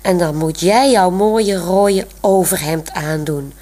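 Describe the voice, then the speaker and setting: A woman's voice: lowish voice, takes it slowly, warm tone. A woman voicing a proud, self-assured young woman who explains things plainly, in a radio story reading. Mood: pleased.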